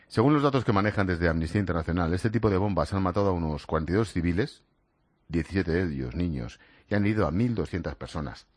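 A man's voice: low-pitched, fast talker, darkish tone, no room sound. A man hosting a radio show, talking straight to the listener in a conversational way. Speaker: radio host.

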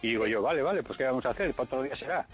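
A man calling a radio show, telling a story with halting, repeated starts. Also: medium pitch, animated, lo-fi sound, soft background music. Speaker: caller. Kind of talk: telling an anecdote on a call-in show.

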